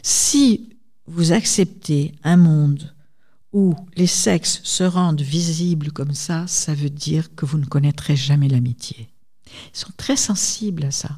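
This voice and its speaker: A woman's voice: deep voice, measured pace, warm tone. A woman researcher speaking as a guest at a conference, talking emphatically and turning often to the audience. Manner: emphatic, digressive, addresses audience directly. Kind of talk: conference talk.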